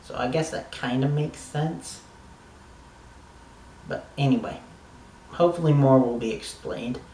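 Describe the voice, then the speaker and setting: A man's voice: mid-range voice, measured pace, mellow, roomy sound, far from the mic, a little hiss or hum, poor audio. A man giving a casual, rambling, enthusiastic review of a TV episode, swearing now and then.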